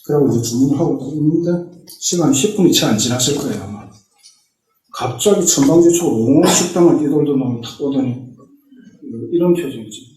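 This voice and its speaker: A middle-aged man tells his church testimony like a story and slips into family members' lines as he goes. His voice is mellow and dark. It rings through a big echoey church hall, picked up from well back. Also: medium pitch, fairly quick, recorded from a distance. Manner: storytelling, acting out family dialogue. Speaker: church deacon giving a testimony. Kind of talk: personal testimony told as a story. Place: church sanctuary.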